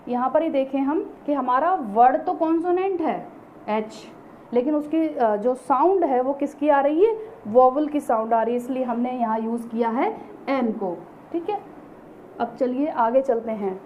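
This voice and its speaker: Female teacher, high voice, patient, rhetorical questions to the class; tinny online-class audio with faint hiss. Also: unhurried. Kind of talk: online grammar lesson.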